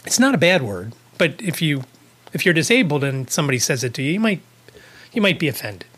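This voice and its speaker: A man's voice: mid-range voice, a bit bright. A man hosting his own podcast, telling a story in a casual, rambling way, correcting himself and chuckling at his own asides. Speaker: podcast host.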